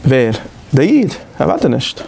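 A man leading a class discussion in an informal study-group lecture. He talks in a halting way, restarting and repeating words often, and turns animated and emphatic. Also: medium pitch, gravelly, a crowd in the background.

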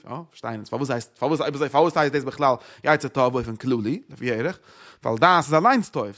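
A man teaching a religious lesson, explaining in loose, repeated phrases with rhetorical questions and many hesitant pauses. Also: medium pitch, fairly bright tone. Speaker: Torah teacher. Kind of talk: religious lecture.

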